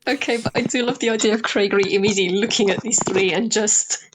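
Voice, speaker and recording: A woman's voice: medium pitch, fairly even intonation, fast, background noise. A woman talking casually as she narrates and plays a tabletop roleplaying game.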